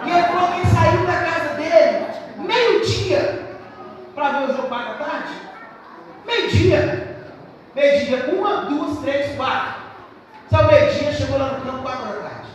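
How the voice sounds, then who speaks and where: Brief: Brazilian woman preacher, very high voice, emphatic and repetitive, distant mic in a reverberant hall. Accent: Brazilian Portuguese. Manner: emphatic, repetitive, rhetorical questions to the congregation. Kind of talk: sermon. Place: church hall. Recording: echoey church hall, distant mic, faint noise.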